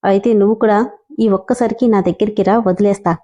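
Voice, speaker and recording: Woman doing young husband, irritated, mocking, mellow voice. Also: mid-range voice, fairly even intonation, fast, dull audio, natural voice. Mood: scolding. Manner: gruff, scolding.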